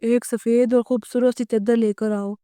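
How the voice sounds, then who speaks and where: Casting note: a lazy, simple-minded young man in a cartoon tale, read by a woman narrator, insistent and complaining, with a higher, smooth voice. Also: level tone, dark tone, no echo, studio quality, lightly acted. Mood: eager.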